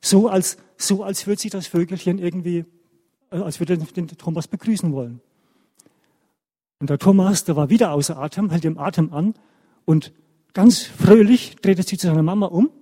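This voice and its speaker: A man tells a story to children in church. He is animated and keeps checking in with his young listeners. His voice sits fairly high but mellow, with a long reverb trailing off the church walls. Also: normal speed, slightly rough.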